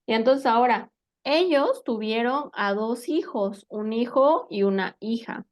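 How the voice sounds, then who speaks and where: A woman's voice: on the high side, lively intonation, a little slow, darkish tone. Patient woman teaching English. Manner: patient, quizzing with frequent tag questions. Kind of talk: live English vocabulary lesson.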